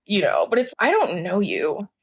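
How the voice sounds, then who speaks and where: A woman's voice: mid-range voice, wildly swooping pitch, normal speed, husky, no echo. A young woman co-hosting a podcast, ranting in a heated, profane, casual way about things she hates. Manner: ranting, heated and profane, laughing at her own story. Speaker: podcast co-host. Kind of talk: casual chat.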